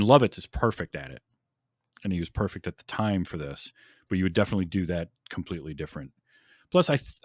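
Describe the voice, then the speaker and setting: A man's voice: low-pitched, darkish tone, no room sound, clean studio sound. A man hosting a podcast, chatting casually and enthusiastically about a film with many ums. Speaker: podcast host.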